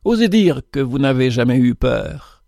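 A man giving a slow, theatrical reading of a moral parable in a preacherly manner. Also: medium pitch, big pitch swings, creaky, mellow, no room sound, studio quality. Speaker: narrator.

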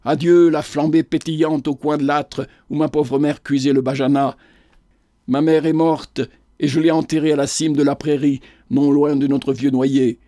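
A man's voice: a little high, flat delivery, moderate pace, warm tone, no room sound, lightly acted. A man voicing a wrathful, grieving old peasant prophet who preaches in impassioned tirades. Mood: mournful.

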